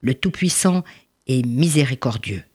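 Soft solemn devout dad in a storybook, lady reading him quietly. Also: a bass voice, expressive, unhurried, slightly rough, voice pushed down, exaggerated voice. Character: pious gentle father in velvet caftan.

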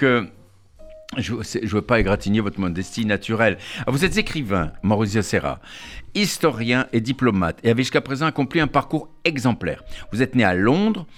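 A man hosting a radio interview show, formally reading out a long introduction of his guest with some hesitations. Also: medium pitch. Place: radio studio.

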